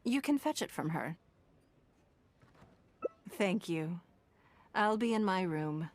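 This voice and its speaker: A woman playing a poised, self-assured noblewoman in a video game, with refined, measured diction and a playful side. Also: fairly low pitch, lively intonation. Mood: composed.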